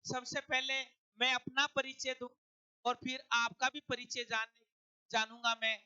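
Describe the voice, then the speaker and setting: A man's voice: extremely high pitch, flat delivery, unhurried, sharp tone, clear, resonant tone, dry recording, highs cut off. A man teaching an exam-prep lecture, explaining step by step and asking and answering his own questions.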